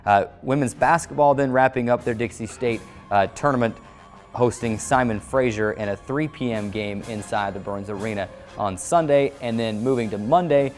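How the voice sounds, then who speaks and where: With music running beneath him, a man with an American accent presents a sports show as its host. He speaks at a medium pitch and normal speed in a scripted, announcer-like way.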